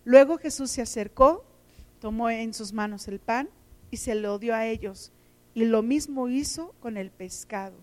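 A middle-aged woman, a teacher and lay preacher, delivers an emotional sermon full of personal stories, often repeating her words. Her voice is fairly high and she speaks a little slowly.

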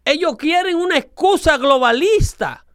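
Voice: high voice, animated, moderate pace, a bit bright, dry recording, clean studio sound. A speaker with a Dominican accent in casual political chat, talking in an emphatic, lecturing way and repeating phrases for stress. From Dominican Republic.

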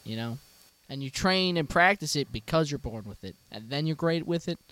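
A man's voice: on the high side, lively intonation, moderate pace, fairly bright tone. A man playing a laid-back, foul-mouthed stoner Santa Claus, talking in a loose, meandering way in an improvised comedy interview. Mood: spaced-out, boastful.

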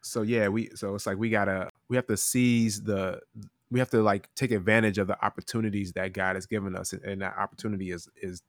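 A man talking earnestly about end times in a casual Bible chat, halting with many restarts. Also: on the low side, flat delivery, no echo, clean studio sound.

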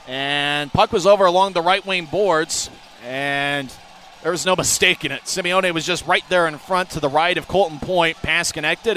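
A man giving rapid hockey play-by-play commentary as a game commentator, ready to burst into shouts on big chances. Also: fairly high pitch, slight background noise.

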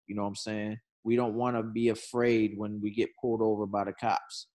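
A man talking casually in a conversation, earnest and given to repeating words as he searches for a thought, now and then breaking into fast bursts. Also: on the low side, flat delivery, darkish tone.

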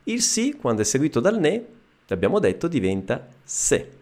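A man's voice: fairly high pitch, huge pitch swings, a little fast, darkish tone. A man from Italy teaching a grammar lesson on video, explaining patiently and checking in with frequent "ok?". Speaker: Italian teacher.

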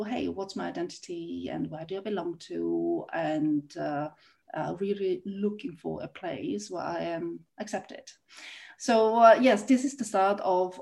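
A middle-aged woman born in South Korea and raised in Austria appears as a guest on a podcast interview, working as an intercultural consultant. She speaks reflectively with many hesitations, in a creaky, mid-range voice with a darkish tone.

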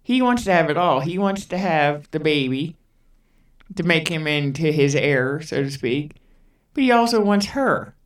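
A woman podcast co-host retelling a film in an unhurried, rambling way with fillers. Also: fairly low pitch, far from the mic. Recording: roomy, away from the mic.

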